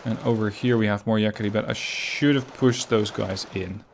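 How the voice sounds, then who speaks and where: A man commentating his own strategy game replay, relaxed and analytical, pointing out his own mistakes as he goes. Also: fairly low pitch, moderate pace, vocal fry, a little hiss or hum. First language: not Finnish. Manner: relaxed, analytical, self-critical. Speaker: gameplay commentator.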